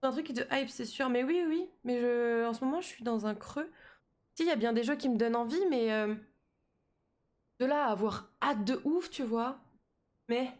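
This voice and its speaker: A young woman talks loosely to her chat while she plays. She rambles with lots of slang and fillers, and her voice sits on the higher side. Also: darkish tone. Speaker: streamer. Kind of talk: casual live-stream chat while gaming.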